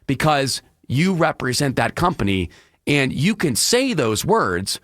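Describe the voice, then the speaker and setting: A male radio talk show host with a hoarse, congested, frog-throated voice, projecting hard from the diaphragm in an emphatic, opinionated solo monologue from a radio studio. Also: very animated, measured pace, a bit bright, no room sound. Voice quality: deeper than usual, frog-throated.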